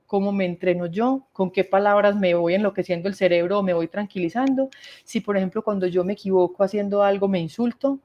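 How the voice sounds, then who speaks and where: A woman's voice: medium pitch, fairly quick, highs cut off. Woman giving an instructional talk. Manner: explanatory, with rhetorical questions and listed examples. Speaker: workshop speaker.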